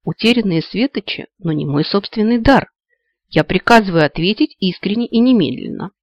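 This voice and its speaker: A man's voice: sits high, animated, normal speed, no room sound. A haughty ageless elf sovereign woman, put on by a male narrator speaks in a raised, commanding tone. Her questions come out clipped and stern. The storybook recording is dry and a little muffled.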